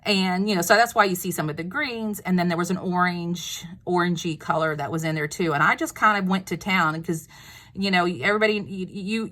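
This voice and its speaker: A woman's voice: on the low side, fairly bright tone. A woman with a Texas accent chatting casually about her crafts, rambling with lots of fillers and restarts. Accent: Texan. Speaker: craft vlogger. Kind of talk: casual crafting show-and-tell.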